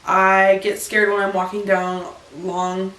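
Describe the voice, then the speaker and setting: A young woman vlogs from her bedroom in a mid-range, slightly bright voice, slow and completely flat in delivery. She giggles while answering questions in a casual, rambling chat, and the camera sits far off in an echoey room.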